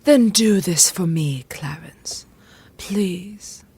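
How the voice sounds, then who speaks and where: A woman's voice: on the low side, very slow, dark tone, slightly rough, exaggerated voice. An actress playing an anxious, devoted middle-aged widowed queen in an audio drama, with refined, earnest and emotive delivery. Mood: coaxing.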